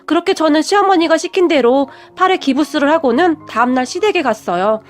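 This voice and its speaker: A woman narrates a first-person radio story in a steady, scripted way. Her voice is high. Soft music plays faintly underneath. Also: a little fast.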